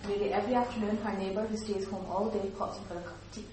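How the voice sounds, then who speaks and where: Female workshop trainer, animated, acts out examples; distant, echoey room recording. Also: medium pitch, rapid-fire, a little hiss or hum. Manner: lively, acts out example speakers. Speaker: teacher trainer.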